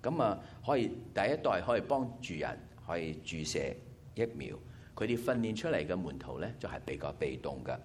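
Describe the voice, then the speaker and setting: A very deep-voiced preacher addresses his congregation briskly, his pitch swinging with lively emphasis as he walks through numbers step by step and explains each point patiently. A little hiss or hum is present in the recording.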